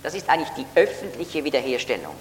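A preacher with a medium-pitched voice that swings widely moves at a quick pace through an earnest, explanatory Bible teaching sermon. He raises his voice to stress key words. The recording comes from an echoey hall with a faint hum.

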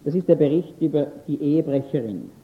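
A man teaching a lecture on scripture, earnest and emphatic, pausing now and then with fillers. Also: fairly high pitch, expressive. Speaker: Bible teacher. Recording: echoey, phone-like lo-fi recording.

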